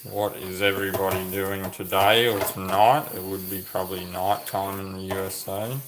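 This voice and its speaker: An Australian man hosts a casual livestream, slowly reading viewer comments aloud and musing over each one. His voice sits low with little pitch movement, and there's background noise.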